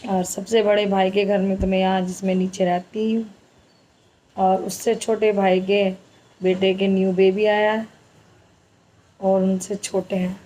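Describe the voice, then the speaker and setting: A soft-spoken woman from India narrates her family vlog in a slow, unhurried way. Her voice is mellow and dark-toned, and her pitch stays flat and even. She sounds homely and chatty. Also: poor audio. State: injured leg. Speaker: family vlogger.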